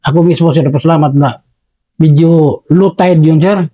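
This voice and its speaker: High-voiced deferential Filipino soldier. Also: male voice, steady tone, normal speed, warm tone. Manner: deferential, says "sir" after nearly every phrase. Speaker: soldier recounting a battle. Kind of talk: interview storytelling.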